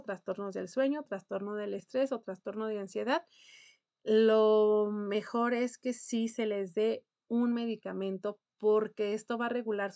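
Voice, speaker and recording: A woman's voice: medium pitch, dry recording. Woman teacher running a casual lecture, explains with examples, checks in with the class often. Mid-range voice, dry room. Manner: conversational, explains with examples and rhetorical questions.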